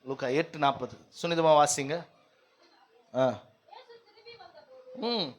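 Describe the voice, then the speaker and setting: A man preaching as pastor at a church service who keeps calling for amens and hallelujahs, swinging between loud declarations and low, quiet asides. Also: steady tone, slow. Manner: calls often for amens and hallelujahs from the congregation; acts out stubborn people's words in the first person. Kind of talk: sermon.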